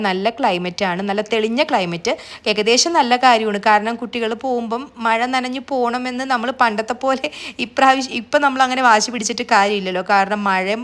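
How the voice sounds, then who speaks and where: Fast-talking tired woman vlogger. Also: a little high, fairly bright tone. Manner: rambling, chatty, digressive with asides. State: tired from lack of sleep. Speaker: family vlogger. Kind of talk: chatty voice-over narration.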